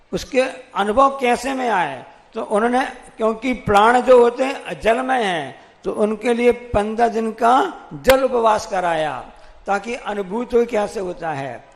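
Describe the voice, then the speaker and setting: Heard through a long reverb tail, a Jain monk with a high voice preaches a sermon, weaving stories, acting out quotations and repeating phrases.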